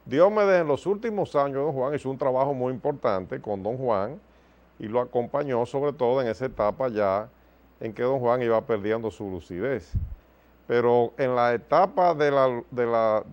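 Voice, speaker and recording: A man's voice: mid-range voice, moderate pace, muffled recording. A man with a Dominican Caribbean Spanish accent interviewing conversationally, with respectful, affirming interjections.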